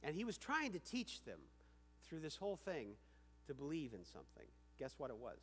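Male pastor with a slightly high voice, preaching emphatically with questions to the congregation; long reverb of a church hall. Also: wildly swooping pitch, normal speed. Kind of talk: sermon.

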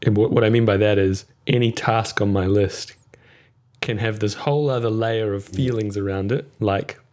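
Casting: thoughtful male podcast host, lowish voice, gentle, reflective delivery. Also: fairly even intonation, normal speed. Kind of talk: reflective conversation.

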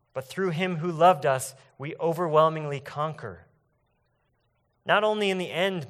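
A man delivers a sermon in an earnest, emphatic manner. His voice sits a little higher than most men's. He slows down and leans on key phrases to drive the point home. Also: fairly bright tone. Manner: earnest, emphatic preaching with slowed, stressed phrases. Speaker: pastor.

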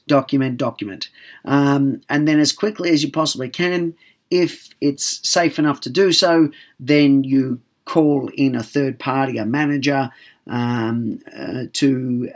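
A man giving workplace advice in a calm, measured way. He talks at an ordinary pitch, pausing often on filler sounds, and restarts and repeats words as he thinks aloud. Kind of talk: advice talk.

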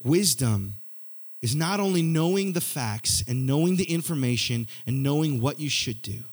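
A young man preaching a sermon in a church, energetic and conversational, building points through repetition. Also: mid-range voice, normal speed. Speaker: youth pastor.

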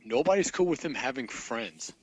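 A man co-hosting a casual podcast with dry, deadpan humor. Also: mid-range voice, normal speed, husky, no echo. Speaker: podcast co-host.

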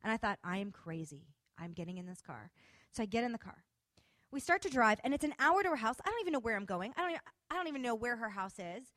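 Expressive woman sharing a faith story, acting out dialogue, fairly high pitch. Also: quick pace, no echo. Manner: animated, expressive retelling with quoted dialogue. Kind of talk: personal testimony storytelling.

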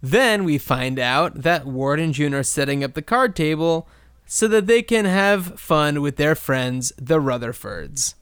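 A woman's voice: low voice, animated, a little slow, clean tone, no echo, studio quality. A woman co-hosting a podcast, chatting casually about a sitcom and thinking aloud with asides and easy laughs. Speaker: podcast co-host. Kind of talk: casual chat recapping a sitcom episode.

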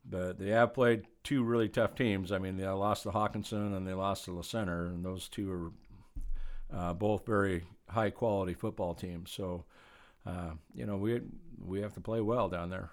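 A man who coaches football, answering interview questions in a relaxed, plainspoken way with many fillers. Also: low voice, normal speed. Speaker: high school football coach.

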